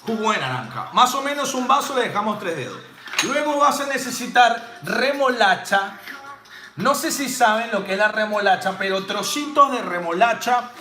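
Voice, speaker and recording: Bartending teacher, high voice, chatty and playful, roomy room with music behind. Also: male voice, animated, moderate pace, sharp tone. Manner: chatty and jokey, with playful sound effects and casual swearing. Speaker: bartending instructor. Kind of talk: casual live drink-making demo. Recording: roomy home space with music playing.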